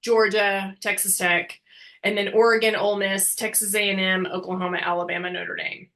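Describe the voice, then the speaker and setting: A woman's voice: medium pitch, little pitch movement, moderate pace, a bit bright. A woman co-hosting a casual football podcast, chatty and hedging, often laughing as she talks. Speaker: podcast co-host.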